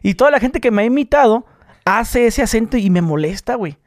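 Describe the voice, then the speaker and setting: Podcast host dude, high voice, talks super fast and jokey. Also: male voice, expressive, no echo, clean studio sound. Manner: quick, joking, chatty questions. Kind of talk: casual interview chat.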